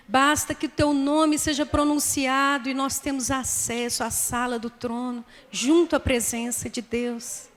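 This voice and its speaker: A woman pastor with a Brazilian Portuguese accent preaches on a microphone, her voice set fairly high. She reads scripture and prays in a slow, emphatic cadence. The church sanctuary gives her words a long, lingering reverb. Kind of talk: sermon. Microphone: handheld microphone.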